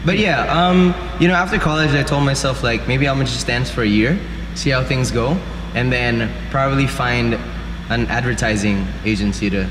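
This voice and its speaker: A man in his thirties from the Philippines, a dancer and teacher chatting casually as an interview guest, relaxed and full of fillers. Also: medium pitch, moderate pace, hardly any pauses. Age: 30s. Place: university room. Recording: echoey room, loud background noise.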